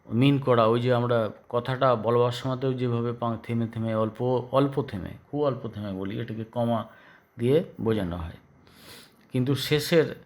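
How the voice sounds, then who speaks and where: A male schoolteacher with a Bengali accent explaining grammar to a class, halting and repeating words for his pupils. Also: mid-range voice. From West Bengal, India. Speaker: school English teacher.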